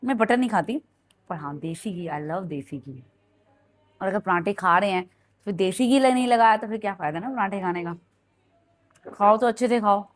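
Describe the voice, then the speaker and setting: A thirties Indian woman vlogs her day at home in a relaxed kitchen recording, speaking Hindi with a Punjabi lilt and slipping English phrases in mid-sentence. Her mid-range voice is hoarse and a little worn from a sore throat, and she talks chattily at a moderate pace with long pauses.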